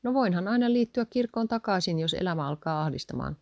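A woman's voice: fairly low pitch, lively intonation, gravelly, darkish tone, dry recording, studio quality. A woman reading aloud and voicing a stubborn husband who defends his spending. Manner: defensive, grumbling.

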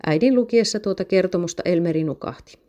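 A woman narrating a read-aloud story in a steady, measured way. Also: lowish voice.

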